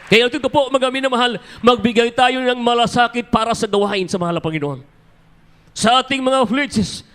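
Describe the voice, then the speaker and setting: High-voiced preacher man exhorting his congregation. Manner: exhorting, repeating "beloved" as a refrain, rising to emphatic peaks. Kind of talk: sermon. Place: church service.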